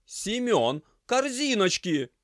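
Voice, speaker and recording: Bellowing, mustached head chef. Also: male voice, sits high, big pitch swings, takes it slowly, no echo, clean studio sound, pitched above the performer's own voice, full character voice. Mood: shouting orders. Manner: barking orders. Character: stout mustached male head chef, bossy and loud. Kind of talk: audiobook character voice.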